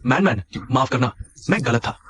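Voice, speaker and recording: An actor dubbing a jealous, cruel ex-lover who taunts and threatens. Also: male voice, medium pitch, animated, normal speed, crowd noise, close to an everyday voice. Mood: pleading.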